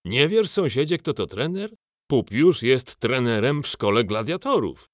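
A man voicing a huge former gladiator in a storybook reading, gruff and booming. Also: big pitch swings, measured pace, no echo, studio quality. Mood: booming hearty. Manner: booming, mocking.

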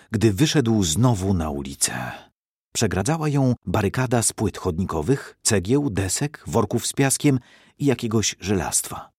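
Husky low-voiced male storyteller. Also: darkish tone, no echo, clean studio sound. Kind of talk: storybook narration.

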